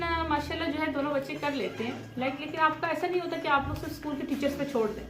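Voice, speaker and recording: हल्की ऊँची आवाज़ वाली बातूनी माँ, पाकिस्तानी उर्दू लहजे में. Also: female voice, sits high. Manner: chatty, mixes Urdu and English. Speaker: mother and vlogger. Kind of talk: casual vlog talk to viewers. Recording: echoey room, faint background noise.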